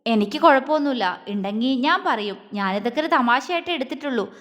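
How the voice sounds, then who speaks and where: A woman voicing a calm young man in a storybook audio drama, speaking gently and reassuringly. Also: high-pitched, fairly quick, big-room sound.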